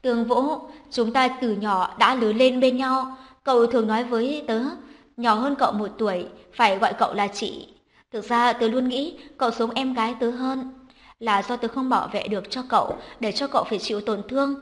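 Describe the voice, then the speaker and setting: Woman reading as a firm, sure young woman in a storybook, soft when she comforts, voice sits a bit high. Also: steady tone, moderate pace, lightly acted. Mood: steady. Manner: gentle, soothing when comforting. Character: young woman, decisive and strong-willed.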